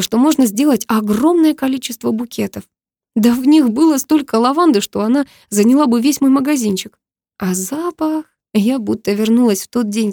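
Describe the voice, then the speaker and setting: A woman reads a first-person romance audiobook in an emotive, intimate way. Her voice is fairly high yet mellow and soft-toned. The close, dry studio recording has no room sound at all. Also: dry recording. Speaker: audiobook narrator.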